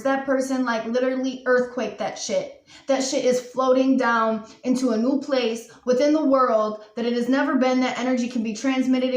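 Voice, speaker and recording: A woman's voice: fairly high pitch, roomy sound, distant mic. A woman giving a pick-a-card tarot reading, earnest and emotional, full of "um" and "like" as she talks. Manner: emotional, earnest, frequent fillers and "like". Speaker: tarot reader.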